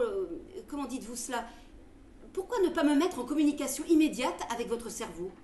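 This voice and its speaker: A woman's voice: high voice, warm tone, recorded from a distance. A woman voicing an eager, astonished young man who presses questions in a theatrical story reading. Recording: roomy with faint background noise.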